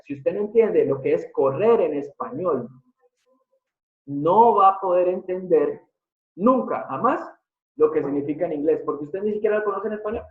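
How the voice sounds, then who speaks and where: A man giving a live online lecture, explaining step by step and often putting questions to his audience. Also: on the high side. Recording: tinny phone-like sound in an echoey room.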